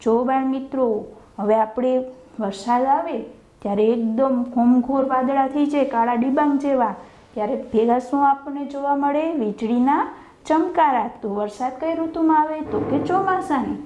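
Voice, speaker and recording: A woman's voice: high-pitched, normal speed, dark tone, reverberant, low-quality recording. A woman teacher with a Gujarati accent giving a lesson to young children, asking questions and answering them herself, drawing out the answer words in dictation. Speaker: primary school teacher.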